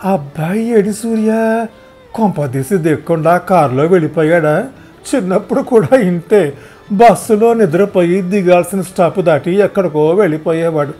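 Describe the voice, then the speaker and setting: A man's voice: high-pitched, moderate pace, mellow, voice pushed up. A man voicing a talkative, meddling elderly mother in a wheelchair, fussing over everyone in a storybook reading. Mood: chatty.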